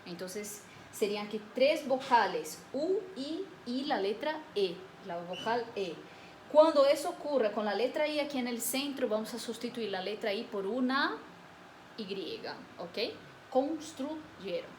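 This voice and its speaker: A woman's voice: a little high, lively intonation. Patient woman teacher, roomy echo. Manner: patient, drills conjugations slowly, checks in with "¿ok?". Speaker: Spanish teacher. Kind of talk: video lesson. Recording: roomy echo, faint background hiss.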